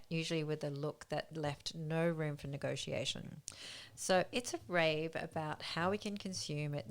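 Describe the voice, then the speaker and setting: A confident woman co-host with a notably low voice for a woman. She delivers her segment with emphasis, in an informative, semi-scripted way.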